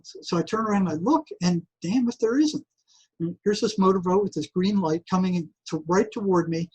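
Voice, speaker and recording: A man's voice: high-pitched, husky, low-quality recording. An older man, a guest psychotherapist, telling a long story in a casual interview with frequent restarts. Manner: animated, repetitive restarts, acts out voices.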